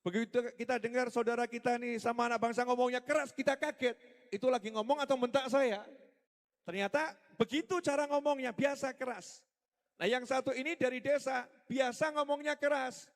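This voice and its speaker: A man's voice: very high voice, fairly even intonation, brisk. A man preaching a religious lecture, emphatic, posing rhetorical questions and repeating key phrases for stress. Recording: echoey hall reverb.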